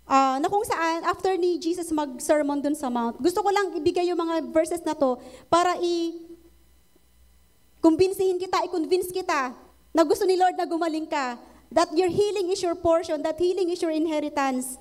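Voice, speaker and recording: Woman, Filipino accent, very high voice, sermon, mixes Tagalog and English, asks for amens. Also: normal speed. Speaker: preacher.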